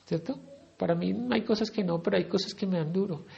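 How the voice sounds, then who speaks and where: Gravelly Colombian preacher. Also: male voice, high-pitched, a little fast, a little mellow, highs cut off. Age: middle-aged. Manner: conversational, asks the listeners questions. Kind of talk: Bible study sermon.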